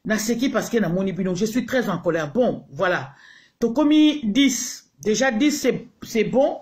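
A man's voice: high voice, lively intonation, normal speed. A Congolese man hosting a casual live stream, greeting viewers one by one in a heated, repetitive way. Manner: mixes French and Lingala, heated. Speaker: livestream host.

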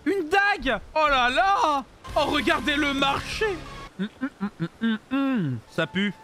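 Excitable high-voiced gaming streamer. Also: male voice, takes it slowly, slight background noise. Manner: excitable, loud outbursts and jokey asides. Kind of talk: live gaming commentary. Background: game music.

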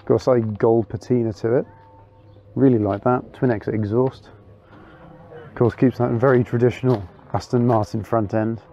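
A man of middling pitch chats eagerly as he walks around an outdoor car meet, pausing with little fillers while he thinks aloud. The camera audio is slightly dull and lo-fi. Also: steady tone, dark tone. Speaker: car vlogger. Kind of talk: casual walkaround commentary.

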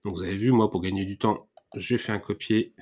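A man with a fairly low voice walks viewers through a website tutorial in a relaxed, chatty way. He hesitates often, filling pauses and restarting his phrases as he clicks along. He sounds like he is speaking into a desktop microphone over a screen recording. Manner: hesitant, many "euh" fillers and restarts. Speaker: WordPress tutorial host.

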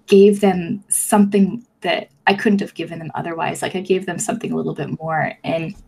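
Gravelly-voiced woman, thoughtful chat. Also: on the low side, steady tone, brisk, dark tone, slight background noise. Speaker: artist, co-host. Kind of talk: casual chat.

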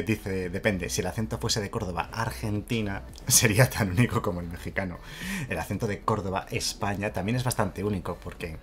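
A chatty male streamer, greeting viewers by name and laughing easily. His voice sits somewhat low. Faint background music plays beneath his talk. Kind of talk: casual live-stream chat.

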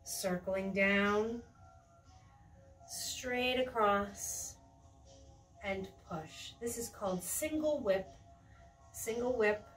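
A middle-aged woman guides tai chi movements in a serene, encouraging way. She speaks very slowly, cue by cue. She is heard from a little distance in a room, with soft music faintly behind her. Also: medium pitch. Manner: serene, encouraging, unhurried cueing. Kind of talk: guided movement lesson with calm step-by-step cues. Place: small carpeted room indoors.

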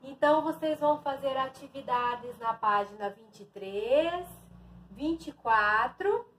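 Brazilian lady teacher, very slow, high voice, drawing out syllables for little kids. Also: expressive, a bit bright, a little hiss or hum. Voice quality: slow, drawn-out, stressing each syllable. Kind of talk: slow early-reading lesson for young children.

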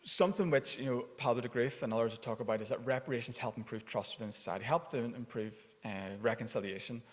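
A man's voice: mid-range voice, fast talker. A man giving an informal conference welcome at a lectern, with many fillers. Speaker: conference organiser and academic. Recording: long hall reverb.

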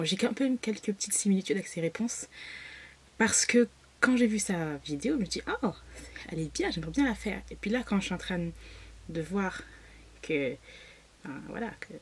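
A woman, talking in a slightly low, breathy voice. She chats casually and cheerfully for her video, dropping fillers and laughing often. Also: a little mellow. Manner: chatty and bubbly, with frequent fillers and laughs. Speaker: booktuber. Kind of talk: casual chatty vlog.

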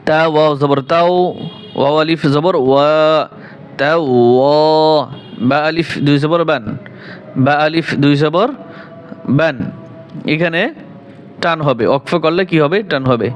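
A man with a Bangladeshi Bengali accent teaching Quran reading, spelling out each syllable and then reciting the verses slowly and drawn out. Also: fairly high pitch, fairly even intonation, faint music behind. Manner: slow drawn-out recitation between quick spelling explanations.

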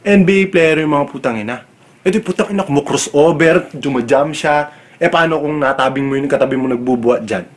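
Young male comic vlogger, raised voice, exasperated and cursing through a rant. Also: a little high. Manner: loud, exasperated, swears freely. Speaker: comedic vlogger. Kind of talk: comedic rant.

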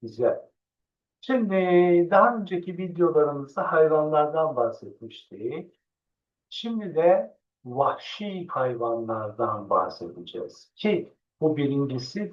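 A man teaching English to young children, slowly repeating each word several times and chatting with the child between words. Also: medium pitch. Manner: chatty asides to the child watching. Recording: distant dull lo-fi recording.

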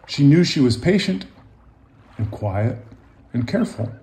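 His medium-pitched voice swings widely in pitch, unhurried and mellow, as this author-illustrator in his fifties reads aloud and leads a drawing lesson for children. He uses simple, casual language and slips in encouraging asides to the young audience.

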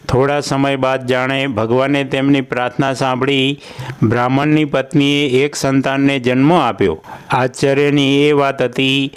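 A man narrating a fairy tale in a calm, measured, scripted reading. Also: mid-range voice, smooth. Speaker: storyteller.

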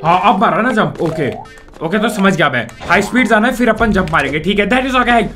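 Excitable high-voiced man gaming. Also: brisk, faint music behind. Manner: excitable, jokey, mock-insults the character. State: sore throat. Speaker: gaming YouTuber. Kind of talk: casual let's-play commentary.

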